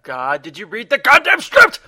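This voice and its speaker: Deadpan man in mock forensic report. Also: extremely high pitch, very noisy. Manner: deadpan, clinical. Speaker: host of blooper reel.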